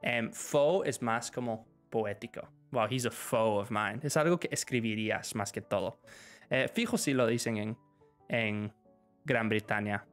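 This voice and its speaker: A man's voice: lowish voice, measured pace. Bilingual male teacher, faint music. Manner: switches between Spanish and English, reads questions aloud. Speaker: language teacher answering live chat questions. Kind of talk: live stream lesson.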